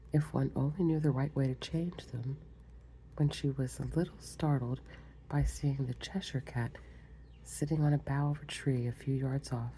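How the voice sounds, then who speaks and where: A woman reads a storybook in soft, unhurried whispered role-play, adding quiet asides. Her voice is very low and mellow, with a faint hiss of background noise. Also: gravelly, rough recording. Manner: soft, close, unhurried ASMR reading with asides. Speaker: ASMR reader.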